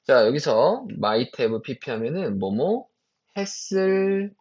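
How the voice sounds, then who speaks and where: A man teaching an English exam passage as a lecture, reading English phrases slowly with stress and asking his students quick rhetorical questions. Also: mid-range voice, big pitch swings, a little mellow. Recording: dull lo-fi recording.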